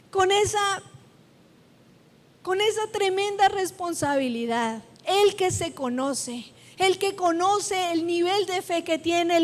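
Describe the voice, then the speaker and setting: Lady pastor preaching slow in a church, really high voice, long hall echo. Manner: emphatic, repetitive preaching with drawn-out phrases. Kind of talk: sermon. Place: church sanctuary.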